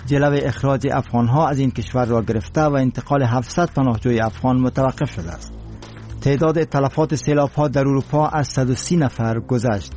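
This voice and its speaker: A man's voice: mid-range voice, darkish tone. A man with an Afghan accent reading scripted radio news headlines as a presenter, in a solemn and formal manner.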